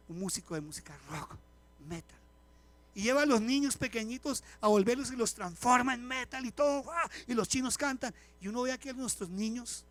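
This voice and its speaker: A middle-aged man, preaching a live sermon as a pastor, animated and chatty, telling humorous stories and firing questions at the congregation. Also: very high voice. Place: church service before a congregation.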